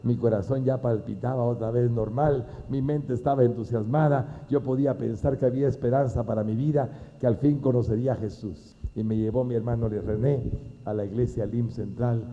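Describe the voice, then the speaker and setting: A man giving a testimony as a preacher, swinging between hushed and loud emotional speech. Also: medium pitch, steady tone, normal speed. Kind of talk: sermon testimony. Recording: dull lo-fi recording.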